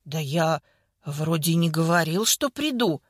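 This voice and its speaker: A woman's voice: medium pitch, big pitch swings, measured pace, fairly bright tone, dry recording, studio quality. A woman voicing an awkward man who speaks hesitantly and stiffly formal.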